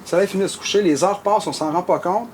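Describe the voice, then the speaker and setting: A man with a Québécois French accent tells a story in relaxed conversation. His voice sits high, and he rambles with plenty of fillers and restarts. A faint ambient hum runs underneath. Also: racing. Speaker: musician telling a story. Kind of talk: casual storytelling chat.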